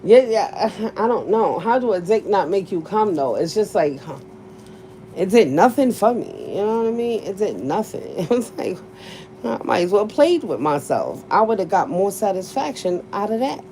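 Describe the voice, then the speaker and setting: A woman's voice: mid-range voice, very animated, normal speed, dark tone, slight background noise. Blunt, profane woman chatting on a live stream. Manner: blunt, profane, laughs often. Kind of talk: casual livestream chat with viewers.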